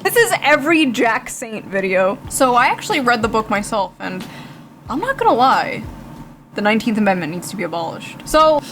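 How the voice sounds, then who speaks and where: A woman's voice: fairly high pitch, sing-song, moderate pace, fairly bright tone, a little hiss or hum. A woman delivering scripted video commentary in a sarcastic, emphatic manner.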